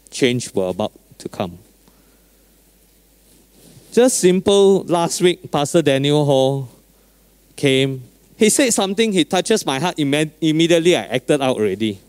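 A man preaching an informal sermon as a pastor, in a Singaporean or Malaysian accent with colloquial Singlish phrasing and particles, telling stories in an animated way. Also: a little high, no room sound. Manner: animated storyteller, acting out dialogue.

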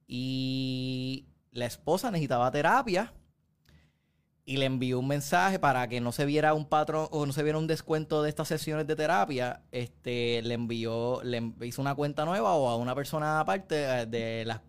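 Animated man telling a story. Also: mid-range voice, clean tone. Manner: animated storyteller, mixes English into Spanish. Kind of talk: casual chat retelling a show plot.

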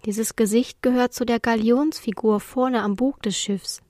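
A woman reading the part of a calm, knowing sea person who explains things in a storybook. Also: fairly high pitch, a little slow, dry recording, studio quality, natural voice.

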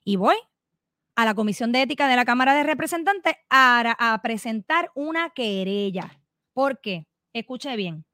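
A middle-aged woman with a Puerto Rican accent delivers a fiery opinion monologue. She speaks emphatically and combatively, turning directly to her listeners. Her voice sits fairly high and sounds close and dry. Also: animated, normal speed, sharp tone, no room sound. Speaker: political commentator and elected delegate.

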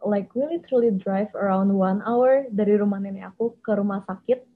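A woman's voice: medium pitch, normal speed, a little hiss or hum. A young woman candidly telling her personal story in a casual way, often mixing English phrases into her talk. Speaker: vlogger. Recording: tinny phone-like audio.

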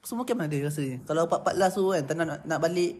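A man's voice: on the high side, animated, quick pace, darkish tone, slight background noise. A young man chatting casually as a podcast co-host, laughing often and singing bits of songs. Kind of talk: casual chat.

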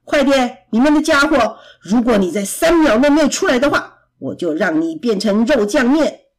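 A woman's voice: very high voice, wildly swooping pitch, fast talker, pitched above the performer's own voice, heavily acted. A woman doing a boastful bellowing bear. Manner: loud, swaggering. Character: big strong boastful bear.

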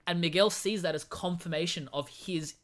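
A mid-pitched speaker on a film podcast, breaking down storytelling choices with real enthusiasm. The talk is analytical yet animated, in a casual conversational flow. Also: normal speed. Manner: animated, switches into mimicking characters. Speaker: guest podcast host.

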